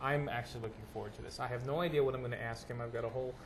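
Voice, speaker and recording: A man's voice: mid-range voice, fairly even intonation, racing, a little hiss or hum. A man hosting a casual interview, informal and curious in the way he talks. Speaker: interviewer, host.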